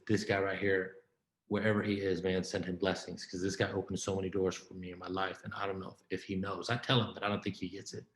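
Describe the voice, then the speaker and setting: A man giving a conference keynote, telling his life story in a casual, animated way, often saying "man" and "right?". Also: low voice, echoey room, poor audio. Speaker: keynote speaker.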